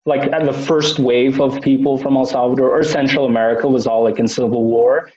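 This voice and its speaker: A man's voice: medium pitch, fairly even intonation, brisk, dark tone. A man talks casually as a podcast guest, from Canada, full of fillers and false starts. His voice sits mid-range and comes through a roomy space with a dull, muffled lo-fi quality. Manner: rambling, lots of fillers and restarts. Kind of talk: casual chat.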